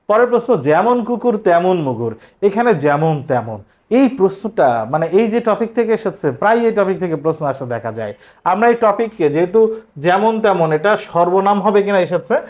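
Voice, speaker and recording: Male tutor, higher-pitched voice, patient step-by-step explainer for an admission-test lesson. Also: a little mellow. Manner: explains step by step, repeats words slowly for pronunciation. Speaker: teacher. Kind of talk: exam-prep lecture.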